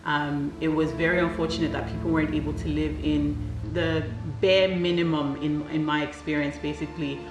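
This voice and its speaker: A young woman giving an earnest, measured documentary interview, pausing often with ums. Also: sits low, steady tone. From Nigeria. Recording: roomy sound with loud music underneath.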